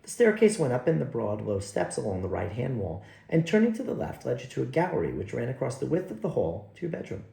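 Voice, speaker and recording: A man narrating an audiobook in an unhurried, expressive reading style. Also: mid-range voice, vocal fry. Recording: echoey room.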